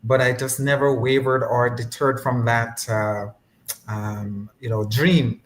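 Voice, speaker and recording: A man, a physician on a panel, speaking in a measured, hesitant way with many pauses and restarts. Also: medium pitch, steady tone, slight background noise, poor audio. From Jamaica. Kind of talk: casual panel discussion.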